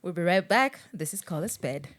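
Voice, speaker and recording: A Kenyan woman co-hosting a casual political talk show, animated and quick to laugh, with bits of Swahili. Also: lowish voice. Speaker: podcast co-host.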